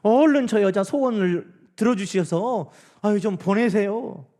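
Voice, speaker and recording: A man's voice: sits high, measured pace, dark tone. A man acting out impatient male disciples who brusquely shoo people away. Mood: exasperated. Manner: brusque and exasperated.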